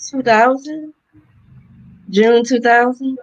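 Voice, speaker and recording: A woman from Louisiana, a guest in a casual interview, giving relaxed, short answers. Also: fairly high pitch, takes it slowly, muffled recording. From Louisiana, USA. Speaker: guest, real estate investor.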